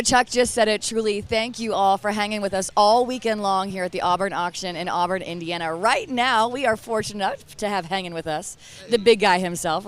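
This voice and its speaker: A broadcast host speaks in a medium-pitched voice at a live event. The delivery is conversational and casual, that of an interviewer chatting with guests. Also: fairly bright tone, clear, resonant tone.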